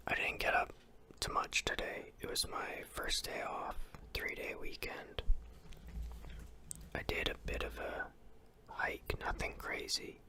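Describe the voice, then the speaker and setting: Asmr whisperer rambling about their day, all airy whisper, lots of ums and cussing. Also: very high-pitched. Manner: unvoiced whisper throughout; rambling and casual, with ums, swearing and restarts. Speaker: YouTuber.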